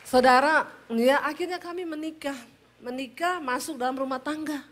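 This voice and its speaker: High-voiced Sulawesi woman pastor preaching. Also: moderate pace, slight background noise. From Sulawesi, Indonesia. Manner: loud, animated, high-toned speech. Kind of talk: humorous sermon storytelling.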